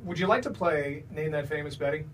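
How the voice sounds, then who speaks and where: A man's voice: a little high, a little fast, a bit bright. Jokey man hosting a radio show. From Georgia, USA. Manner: jokey, game-show patter. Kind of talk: playful radio interview. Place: radio studio. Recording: slightly distant mic, faint hiss.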